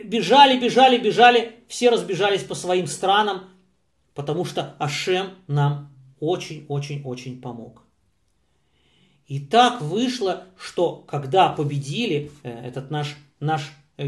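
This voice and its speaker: A man telling a religious story in a halting way, with many restarts and fillers. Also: high voice. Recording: echoey room.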